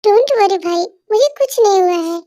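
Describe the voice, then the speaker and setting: A woman's voice: very high voice, expressive, normal speed, loud music behind the voice. A woman voicing a playful, teasing young woman in an amateur audio drama dub. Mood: coaxing. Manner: teasing, coaxing.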